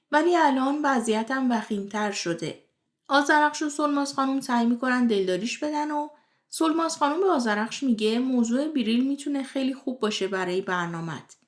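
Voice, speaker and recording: A woman retelling the episodes of a television drama in scripted narration, moving briskly from scene to scene. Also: on the high side. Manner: brisk retelling of scenes in plain third person. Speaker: series recap narrator.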